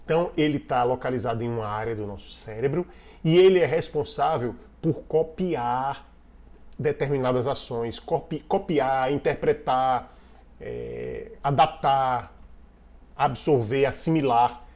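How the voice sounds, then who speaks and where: A man's voice: medium pitch, expressive, a little slow, darkish tone. A man coaching the viewer on team communication in a casual online lesson, talking conversationally, repeating and restarting phrases, and asking the listener questions.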